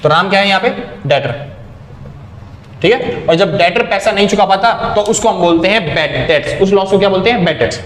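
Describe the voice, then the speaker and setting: A man's voice: sits high, fairly quick, a bit bright, echoey room, a little hiss or hum. A man teaching an accounting lecture, explaining step by step and asking and answering his own questions.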